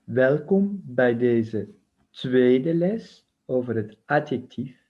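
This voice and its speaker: Man, teacher, recorded lesson, patient letter-by-letter explanations, very slow delivery, dull lo-fi audio. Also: mid-range voice, animated. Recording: muffled lo-fi recording.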